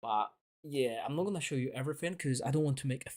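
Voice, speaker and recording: A man's voice: medium pitch, quick pace, darkish tone. Chatty man streaming a game. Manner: chatty, rambling with fillers and self-corrections. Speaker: gaming streamer. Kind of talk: casual live-stream commentary.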